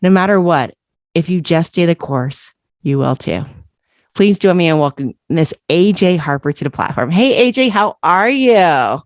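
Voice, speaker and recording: A woman podcast host reading a book excerpt aloud in an earnest, expressive way, then interviewing her guest. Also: deep voice, moderate pace, no room sound, clean studio sound.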